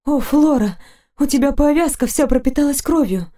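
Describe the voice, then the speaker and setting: A woman voicing a young female fairy heroine in an audiobook, with high, breathless exclamations. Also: animated, moderate pace, mellow. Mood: alarmed. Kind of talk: audiobook character voice.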